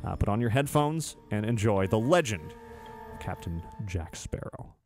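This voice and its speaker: A man hosting a podcast, speaking casually and haltingly as he introduces a segment. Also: fairly low pitch, animated. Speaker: podcast host. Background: music.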